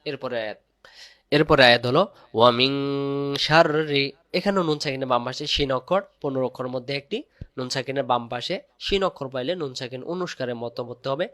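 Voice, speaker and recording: A man teaching Quran recitation step by step, drilling syllables slowly and repeating words loudly for emphasis. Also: mid-range voice, dry recording.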